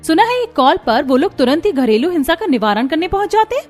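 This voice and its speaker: A woman's voice: sits high, big pitch swings, fast, soft background music. A woman voicing a young outspoken daughter-in-law in a cartoon, speaking firmly and asking pointed questions. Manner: firm and questioning. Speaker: voice actor. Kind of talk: cartoon voice acting.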